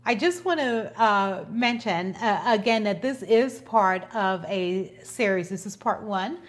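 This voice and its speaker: In this informal explainer vlog, a woman in her fifties who owns a business and hosts the channel talks conversationally, often repeating words. Her mid-range voice is animated, and she takes her time.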